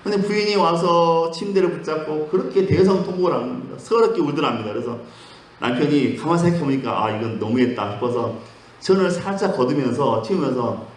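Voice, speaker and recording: A man's voice: on the high side, lively intonation, a little fast. A man preaching as a pastor, mixing Bible teaching with joke stories and acting out the voices in them. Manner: storytelling, acts out quoted voices. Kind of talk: sermon with jokes. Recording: echoey room.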